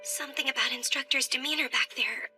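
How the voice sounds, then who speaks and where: A woman's voice: high-pitched, steady tone, a little fast, loud music behind the voice, close to an everyday voice. A woman voicing an earnest young student. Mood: worried. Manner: earnest, worried. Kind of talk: anime English dub.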